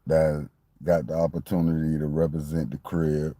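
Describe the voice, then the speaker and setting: A man in his late forties from Miami rambles casually and repetitively about his football team, like a sports fan commentator doing a monologue. His very deep voice is flat and dark at a moderate pace, recorded dry with clean studio sound.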